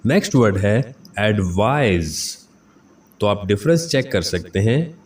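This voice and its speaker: A man teaching English vocabulary, saying each word slowly and repeating it several times. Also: on the low side, expressive, darkish tone. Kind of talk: pronunciation lesson. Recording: slightly distant mic with faint background noise.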